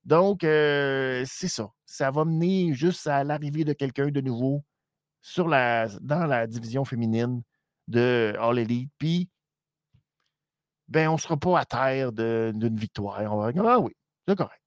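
Animated Quebec French man recapping wrestling. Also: mid-range voice, measured pace, no echo, clean studio sound. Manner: animated, frequent hesitations, mock-dramatic asides. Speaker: wrestling show reviewer. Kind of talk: live-stream recap commentary.

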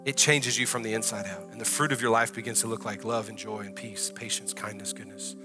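A man from the American South with a Southern accent, preaching a conversational sermon in a church and rising to loud, drawn-out prayer. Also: fairly low pitch, steady tone, over music. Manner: drawn-out, emphatic phrasing in the closing prayer. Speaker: pastor. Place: church hall.

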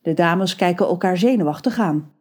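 A woman narrating a scripted children's audio story in a lively, expressive way. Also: fairly low pitch, normal speed.

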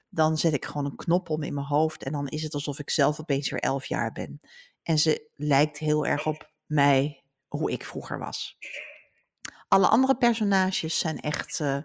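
A middle-aged woman, a children's book author, answering interview questions and reading aloud from her book with expressive storytelling. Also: deep voice, moderate pace.

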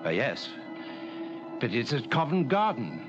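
An actor playing a calm, eccentric male time traveller in a 1960s TV drama, speaking hesitantly and earnestly. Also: medium pitch, unhurried. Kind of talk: 1960s television drama acting. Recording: muffled archive audio with music under.

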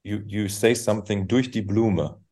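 Relaxed low-voiced podcast host. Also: male voice, moderate pace. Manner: relaxed, with many short acknowledgements. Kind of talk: casual interview.

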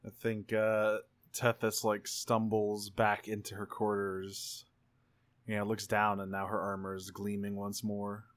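A man with a lowish, monotone voice, speaking at a measured pace, improvises his character's actions during a tabletop roleplaying game. His manner is casual and informal, and he hedges and repeats himself.

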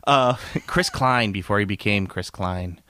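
A man's voice: on the low side, a little slow, pushed and bright, no echo. Man, casual movie talk, rambling, chuckling, dry close sound. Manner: rambling, laughs often, restarts sentences.

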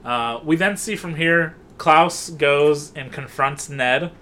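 A man's voice: a little high, slow, fairly bright tone, slight background noise. A man co-hosting a podcast, casually walking through a film scene by scene with filler "um"s. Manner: retells scenes step by step, acting out quoted lines. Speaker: podcast co-host.

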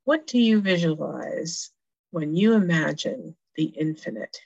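An American woman tells a reflective story at an unhurried, slow pace, guiding listeners to picture it. Her voice has a creaky edge and settles softly at the ends of measured phrases. The recording is dry but dull and lo-fi. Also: on the low side, animated. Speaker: religious education director telling a story to a congregation. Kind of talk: slow guided-visualization storytelling. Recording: band-limited, dull lo-fi sound.

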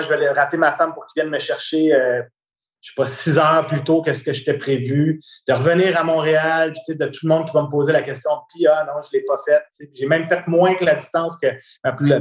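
A man with a Quebec French accent tells a long personal story as a guest, animated and often repeating words while he searches for the next one. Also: on the high side. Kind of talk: casual storytelling conversation. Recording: roomy echo.

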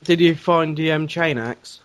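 Laid-back man, slightly higher voice. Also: a little slow, no room sound. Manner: laid-back, hesitant with ums. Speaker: podcast guest. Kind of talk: casual chat about video games.

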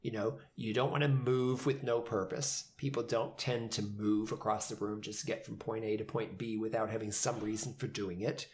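A man's voice: fairly low pitch, level tone, normal speed, few pauses, darkish tone, slight background noise. A man who directs community theater, talking casually in a podcast about coaching new actors, with many fillers and restarts. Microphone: headphones and studio mic.

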